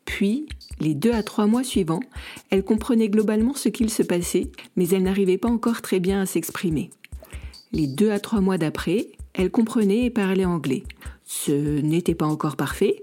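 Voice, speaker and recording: A woman's voice: mid-range voice, warm tone. Friendly French woman hosting a podcast. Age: adult parent of school-age children. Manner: friendly, informative, with light self-mocking asides. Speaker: podcast host. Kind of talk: scripted podcast narration.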